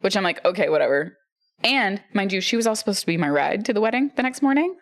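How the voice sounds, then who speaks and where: A woman's voice: medium pitch, animated, fast. A woman in her thirties co-hosting a podcast, telling a personal story with swearing, emphasis and frequent laughter. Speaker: podcast co-host. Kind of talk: casual chat.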